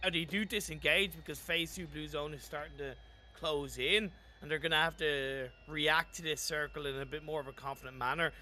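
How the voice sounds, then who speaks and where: A man calling esports play-by-play with energetic, quick play-calling. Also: on the high side, slight background noise. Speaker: esports caster.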